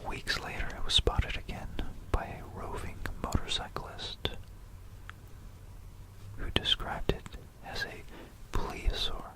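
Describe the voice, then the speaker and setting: On a rough recording, an ASMR host slowly tells history in an unvoiced, breathy whisper close to a binaural microphone. The delivery meanders and is sprinkled with playful asides to the listener.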